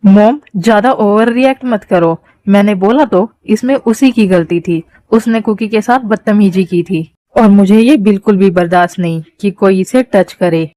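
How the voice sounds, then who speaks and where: A woman's voice: mid-range voice, normal speed, few pauses, warm tone, dry recording, close to an everyday voice. A woman voicing a possessive, menacing young man in a Hindi fan-dub drama, commanding and controlling. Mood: cold.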